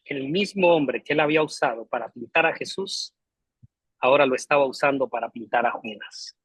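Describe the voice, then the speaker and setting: A man teaching a theology lesson as pastor, with a husky, somewhat high voice. He tells his story in an earnest, emphatic, preacherly way, and the sound is close and dry with no room echo. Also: a bit bright.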